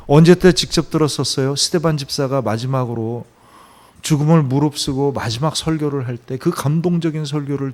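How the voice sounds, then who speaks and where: A man preaching a Sunday sermon as pastor, telling stories with acted quotes, rising to emphatic peaks and dropping to slow, soft phrases. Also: a little high.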